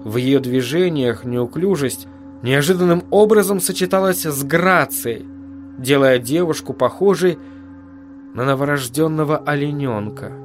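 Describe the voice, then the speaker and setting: A man reading a dark fantasy story aloud as an audiobook narrator, in a measured, even way. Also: fairly high pitch. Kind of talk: scripted narration. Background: faint music.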